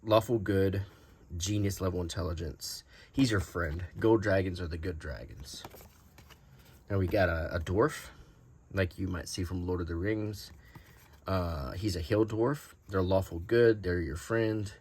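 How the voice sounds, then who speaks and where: Unhurried and a little mellow, this deep-voiced man, middle-aged or older, hosts a hobby collecting channel. He rambles casually through his show-and-tell, thinking aloud, with slight background noise in the recording.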